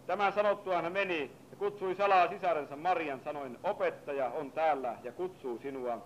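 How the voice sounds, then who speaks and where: A man preacher reading a scripture passage in a low, measured voice, then preaching with rising fervor. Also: slight background noise, poor audio.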